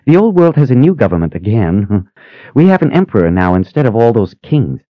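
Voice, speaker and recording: A man voicing an excitable, bubbly woman, a religious sister, with a high, gushing and breathless manner. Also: fairly quick, dry recording, lo-fi sound, close to an everyday voice. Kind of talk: audiobook character voice.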